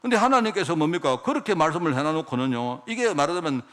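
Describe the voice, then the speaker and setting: A man's voice: a little high, animated, quick pace, a bit bright. A middle-aged man preaching in church as pastor, asking the congregation rhetorical questions and acting out God's words as quoted speech. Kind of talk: sermon.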